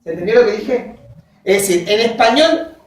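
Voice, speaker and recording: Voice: mid-range voice, expressive, normal speed. Lecturer echoing around a distant classroom. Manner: dictates from notes, checks in with frequent "¿sí?"; spells out examples word by word. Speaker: university linguistics teacher. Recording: very echoey classroom, voice from far off.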